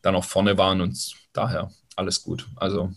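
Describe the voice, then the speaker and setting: Speaking in a low, level voice at a moderate pace, a man in his forties who once played football professionally answers interview questions reflectively. He's from Swabia, Germany, with Italian roots, and he comes across as thoughtful and hesitant, with many fillers.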